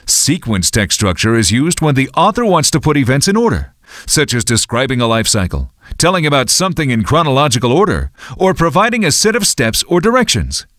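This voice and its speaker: Man narrating with swooping pitch. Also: big pitch swings, brisk, fairly bright tone, no echo, studio quality. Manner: explanatory, upbeat. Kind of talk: scripted educational narration.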